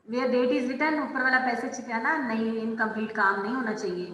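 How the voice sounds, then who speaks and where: Slow-spoken woman teacher, bright echoey voice. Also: on the high side, steady tone. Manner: slow, drawn-out English phrasing, calls students by name. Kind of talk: online class lesson, mixing Hindi and English. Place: online video class. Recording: echoey room with long reverb.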